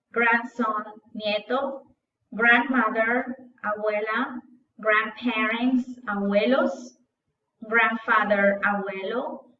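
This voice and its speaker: A woman teaching an English lesson, reading words slowly and then giving their translations. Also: a little high, fairly bright tone, roomy sound, far from the mic, lo-fi sound.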